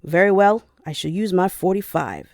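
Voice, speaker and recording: A woman reading the part of a calm, measured young male soldier with a southern manner. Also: lowish voice, no room sound, clean studio sound. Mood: mock-formal.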